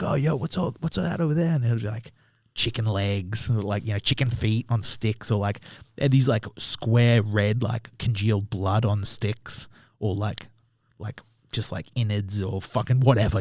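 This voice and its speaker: A man's voice: on the low side, darkish tone, no room sound, studio quality. A young man, a tattoo artist guest on a podcast, telling rambling anecdotes in casual chat and swearing freely. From Australia. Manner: swears often, acts out voices in his anecdotes.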